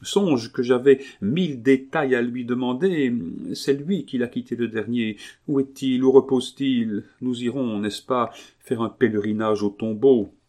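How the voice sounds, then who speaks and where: A man's voice: normal speed, a little mellow, close to an everyday voice. A man putting on a frail, pleading young woman. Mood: anxious pleading. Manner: high, pleading, breathless. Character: fragile, feverish young woman.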